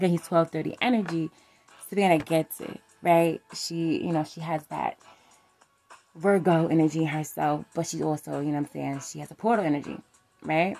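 Woman podcaster, low raspy fry voice, blunt and rambly, cusses a lot. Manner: candid and blunt, swears freely; loose and rambling, full of "like" fillers. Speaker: podcast host. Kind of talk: casual relationship talk.

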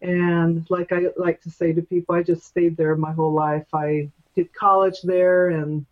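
A woman in her sixties from Brazil, recalling family memories in a measured, reflective way as an interview guest. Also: on the low side, level tone, narrow, tinny audio. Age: 60s. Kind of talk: conversational recollection.

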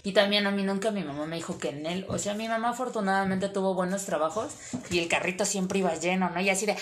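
A woman's voice: mid-range voice, fast. A young woman with a Mexican accent, co-hosting a casual chat and telling slangy stories with acted-out quotes. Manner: slangy storyteller, acts out quotes. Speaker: podcast co-host.

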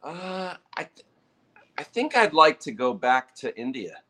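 A man's voice: a little high, very animated, unhurried, bright, forceful tone. A man co-hosting a podcast in casual, conversational talk with a friend. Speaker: podcast co-host, real estate agent.

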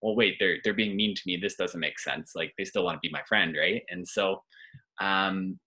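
A man's voice: low voice, moderate pace, sharp tone, poor audio. A man hosting a podcast, asking friendly, rambling questions full of "you know" and "like". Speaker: podcast host. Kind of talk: casual interview chat.

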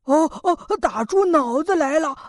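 A woman's voice: high-pitched, expressive, measured pace, dry recording, clean studio sound, voice pushed up. A woman voicing a clumsy, simple-minded pig-monk in a children's storybook audio, with rustic folksy talk. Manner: rustic folksy talk, calls himself 俺老猪.

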